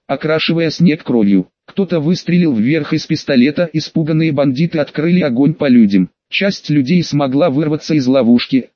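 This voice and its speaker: A man narrating an audiobook in a steady, measured reading, in short phrases. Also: fairly high pitch, no echo. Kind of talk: scripted narration. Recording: dry, slightly dull audio.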